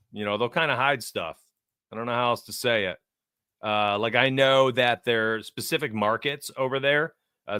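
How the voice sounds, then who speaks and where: A man hosts a sports betting livestream, his voice bright and forward. He talks in a casual, rambling way and chuckles often. The sound is dry and close to a desk mic. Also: medium pitch, clean tone, no echo. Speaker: sports betting show host.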